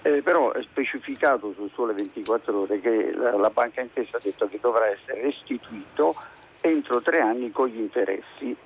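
A middle-aged or older man with a Neapolitan accent, calling a radio show and calmly laying out his arguments. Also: mid-range voice. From Naples, Italy. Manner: calm, argumentative, explanatory. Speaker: phone-in caller. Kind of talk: spontaneous opinion on a radio call. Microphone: telephone. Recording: noisy telephone call to radio.

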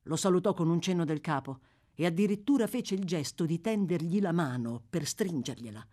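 A woman reading a classic novel aloud, narrating in a measured, dramatic storytelling manner. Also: lowish voice, lively intonation, mellow. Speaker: audiobook reader. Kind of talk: scripted literary narration.

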